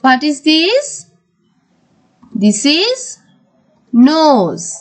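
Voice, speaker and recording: A woman teaching a primary school English lesson, mixing English words with Bengali explanations and drawing words out slowly. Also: sits high, wildly swooping pitch. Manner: slow, drawn-out word-by-word teaching. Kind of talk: recorded classroom lesson.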